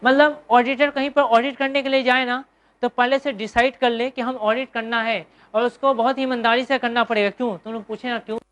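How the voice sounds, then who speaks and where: A woman with an Indian accent and a slightly high voice gives a classroom lecture on commerce. She keeps asking her students questions, answers them herself, and repeats the key terms. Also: steady tone, moderate pace. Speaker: commerce teacher.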